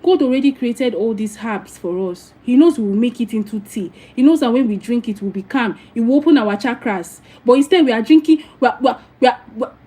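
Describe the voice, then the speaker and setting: A woman's voice: fairly high pitch, animated, brisk, hardly any pauses, warm tone, rough recording. A Nigerian woman giving frank, preachy spiritual advice in a casual livestream, with many asides to her viewers. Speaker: spiritual teacher.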